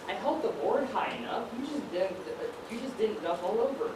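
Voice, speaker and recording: On a high school stage, a teenage boy acts the part of a young factory worker who is nervous and doubtful, his delivery anxious and full of exclamations. He has a high voice, very animated, at normal speed. Picked up from far across a large room, the recording is noisy and echoey.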